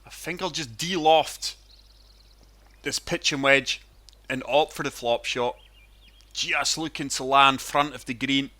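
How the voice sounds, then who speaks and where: A man's voice: mid-range voice, fairly even intonation, takes it slowly, long pauses, bright, forceful tone. A man sounding chesty and wheezy from a cold, giving casual commentary on a golf video game as the channel's host. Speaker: gaming channel host and player.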